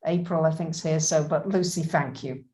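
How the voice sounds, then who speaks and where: A woman co-hosting a casual live stream as an astrologer, speaking appreciatively in short, halting, measured phrases. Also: deep voice, a crowd in the background. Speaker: co-host and astrologer.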